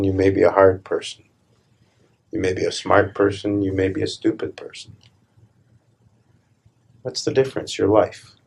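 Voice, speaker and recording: A man leading a guided meditation as a spiritual teacher, calm and deliberate, with a gravelly, husky voice and measured pauses between short phrases. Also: low voice.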